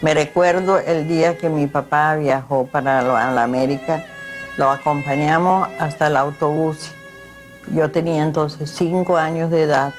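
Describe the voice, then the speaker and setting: Older man, interviewee, reminiscing, flat intonation, higher voice, faint music. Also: moderate pace. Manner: reminiscing, plain and steady. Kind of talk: documentary interview.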